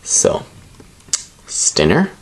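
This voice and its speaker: A man's voice: very slow, slight background noise. A man giving casual, unscripted commentary as he presents trading cards, explaining things in a rambling, tentative way. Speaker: presenter opening trading card packs.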